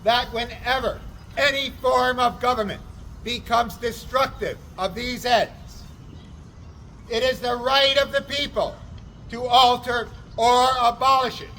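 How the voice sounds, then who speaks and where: A man playing a town crier, delivering a formal proclamation in deliberate, declamatory short phrases, outdoors. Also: very high-pitched, steady tone, sharp tone, heavily acted, low-quality recording. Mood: solemn, proclaiming. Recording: outdoor recording with faint traffic noise.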